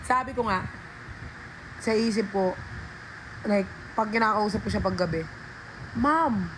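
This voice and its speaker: A woman's voice: mid-range voice, moderate pace, background noise. A woman telling a rambling story on a casual livestream, talking into a phone and calling her viewers guys and be.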